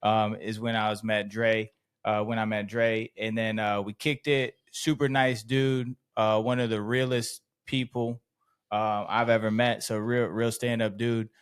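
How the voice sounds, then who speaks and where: A man's voice: fairly low pitch, level tone, measured pace, smooth. Upbeat man hosting a podcast. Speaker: podcast host. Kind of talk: casual chat.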